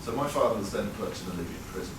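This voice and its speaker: Rapid-fire and animated in intonation, this fairly low-voiced Englishman in his thirties relates a personal story to a crowd. His manner is wry and conversational, heavy on fillers. It's a roomy live recording from a performance venue, with the mic at a distance and noise in the background.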